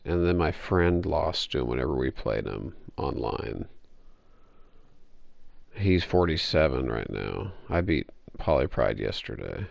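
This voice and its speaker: Over a headset mic, a man with a deep, dark voice and vocal fry chats casually while playing an online game. He rambles, swears freely, and keeps restarting his sentences. The dry lo-fi audio sounds dull, with no echo.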